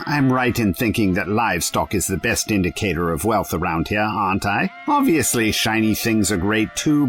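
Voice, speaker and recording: A man in an audio drama playing a quick-witted, righteous adventurer, sardonic and theatrical. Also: on the low side, natural voice. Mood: playful, teasing. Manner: wry, sarcastic, theatrical.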